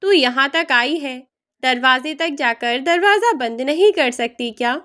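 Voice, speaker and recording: A woman voicing an elderly mother-in-law who keeps calm while her daughters-in-law insult her. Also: sits high, measured pace. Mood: restrained. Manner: pleading, then scolding. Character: older mother-in-law, hurt but restrained.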